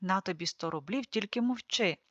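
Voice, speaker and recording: A woman voicing a haughty, quick-tempered male landowner who barks at people. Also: high voice, very animated, no room sound, muffled recording, pitched above the performer's own voice. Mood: hushed. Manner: barking, then hushed and pleading.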